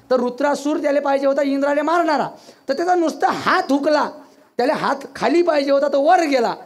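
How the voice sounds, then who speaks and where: A man with a Varhadi Marathi accent preaching a devotional sermon, blunt and teasing, breaking into loud bursts. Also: very high-pitched. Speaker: kirtan preacher.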